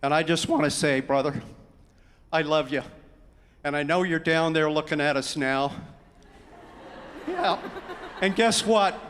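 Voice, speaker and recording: Brother giving a eulogy, lively storyteller, somewhat high voice, long echo of a big hall. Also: male voice, unhurried, long pauses, slight background noise. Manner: lively storytelling, acting out the quoted lines. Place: large hall at a memorial gathering.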